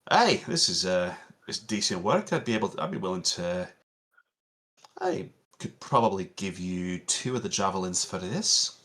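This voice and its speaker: A man's voice: low voice, animated, moderate pace, a bit bright. A man voicing a burly, red-bearded male dwarf blacksmith who is friendly and plainspoken.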